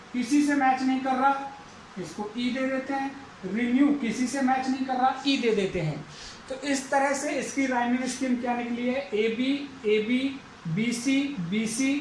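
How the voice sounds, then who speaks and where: A man's voice: extremely high pitch, roomy sound, slight background noise, rough recording. A man teaching an English lesson, going through it methodically and repeating each step aloud. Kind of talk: explaining a lesson.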